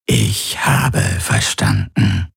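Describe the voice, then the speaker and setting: A man doing a slow, whispery alien telepath. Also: very deep voice, wildly swooping pitch, gravelly, husky, no room sound, clean studio sound, faint music behind, voice pushed down, heavily acted. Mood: murmuring. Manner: slow, murmuring.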